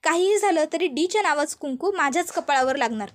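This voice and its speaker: A woman voicing a spoiled, frantic young woman who fires off shrill, demanding questions. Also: animated, fast. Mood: defiant.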